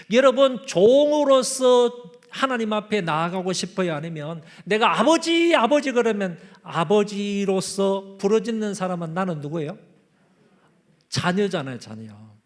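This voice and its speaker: A man preaches a revival sermon in a church. His voice sits fairly high and he speaks emphatically, often repeating phrases and rising to loud calls to his listeners. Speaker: pastor.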